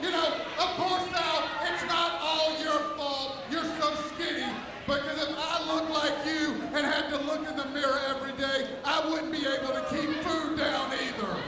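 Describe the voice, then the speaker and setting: Middle-aged male wrestling manager, taunting promo delivered slowly and emphatically, booming echo over crowd noise. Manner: taunting, menacing, emphatic declaiming into the microphone. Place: large indoor wrestling arena, in the ring. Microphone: handheld microphone. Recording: echoey noisy arena PA, distant, crowd.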